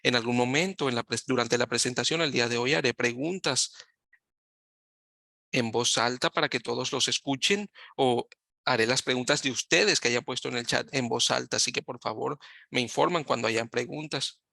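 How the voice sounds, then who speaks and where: A man giving live Spanish interpretation of a webinar over a video call, talking in halting phrases and often correcting himself mid-sentence. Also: medium pitch, vocal fry, pushed and bright, no echo, clean studio sound. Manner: halting, with frequent self-corrections.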